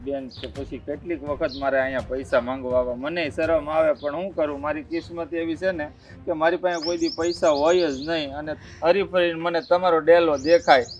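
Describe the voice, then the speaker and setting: A man's voice: a little high, steady tone, moderate pace, muffled recording, natural voice. A man playing a poor, self-pitying man who begs relatives for money in a rural family drama. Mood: pleading. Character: poor, pleading middle-aged man.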